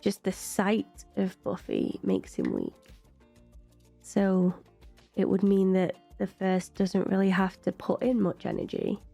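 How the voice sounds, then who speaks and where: British woman with a gravelly, mellow voice. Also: on the low side, no echo. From Britain. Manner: chatty and opinionated, with frequent "like" fillers. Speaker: reaction video host. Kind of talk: casual reaction commentary.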